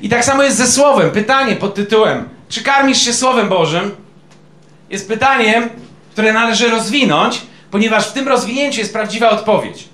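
A man's voice: sits high, animated, normal speed, sharp tone. A male pastor preaching a sermon in a conversational way, quizzing his congregation with questions. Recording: echoey room.

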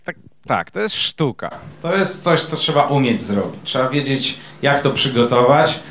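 A man's voice: medium pitch, big pitch swings, normal speed, fairly bright tone. A male pastor preaching a sermon in a conversational way, quizzing his congregation with questions. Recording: echoey room.

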